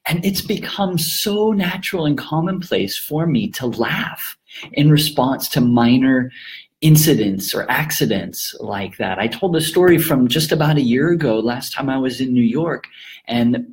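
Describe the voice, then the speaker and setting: A man teaching laughter yoga to camera in a calm, explanatory way, often breaking into laughter as he talks. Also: mid-range voice, unhurried.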